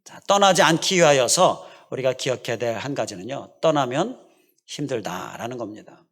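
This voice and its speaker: Lively, emphatic man preaching a sermon. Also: mid-range voice, normal speed. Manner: emphatic preaching with repeated phrases and rhetorical questions. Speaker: pastor. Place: church sanctuary.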